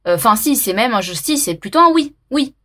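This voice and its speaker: A woman's voice: on the high side, animated, fairly quick, a bit bright. A woman doing a casual tarot reading to camera, talking hesitantly with lots of fillers and repeated words, and laughing at herself. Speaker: tarot reader.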